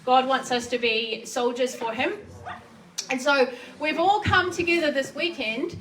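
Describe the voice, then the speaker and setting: A woman with a New Zealand accent gives an informal sermon, sounding nervous and hesitant, with halting false starts. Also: high voice, a bit bright. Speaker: preacher. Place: echoey indoor room before a gathering. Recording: distant microphone, echoey room, faint noise.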